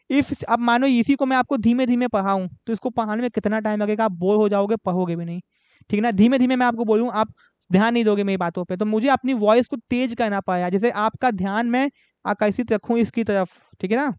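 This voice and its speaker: A man teaching a lecture, reading English slowly and then explaining quickly in Hindi, keeping his voice raised and projecting. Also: sits high, a little mellow, clean tone, dry recording, lo-fi sound. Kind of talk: classroom lecture.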